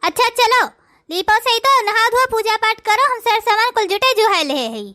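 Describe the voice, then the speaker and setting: A woman's voice: very high voice, expressive, normal speed, sharp tone, no echo, clean studio sound, exaggerated voice. Woman voicing a whiny old Awadhi mother-in-law. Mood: bossy. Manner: whiny, complaining, gossiping to the audience. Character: grumbling old mother-in-law, suspicious and complaining. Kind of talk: comic cartoon dialogue.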